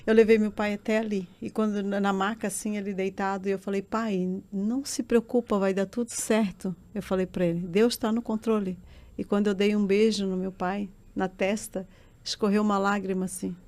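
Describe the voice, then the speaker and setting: A woman's voice: medium pitch, little pitch movement, moderate pace, darkish tone. A middle-aged woman, giving an earnest and emotional personal testimony as a podcast guest. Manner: earnest, emotional storytelling that swells into tearful intensity.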